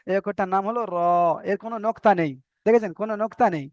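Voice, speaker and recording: A man with an Indian Bengali accent teaching an online Quran reading class, patient, repeating each letter slowly and drawing out the vowels. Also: high voice, darkish tone, no room sound, dull audio. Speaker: Arabic alphabet teacher.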